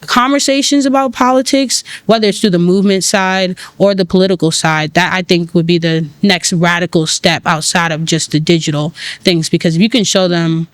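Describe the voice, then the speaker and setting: Young woman founder, New York accent, lively and slangy, smooth dry voice. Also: on the low side, fairly quick, few pauses, dry recording. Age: 20s. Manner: energetic, casual, uses slang and fillers. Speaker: tech founder, guest. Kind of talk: conversational interview.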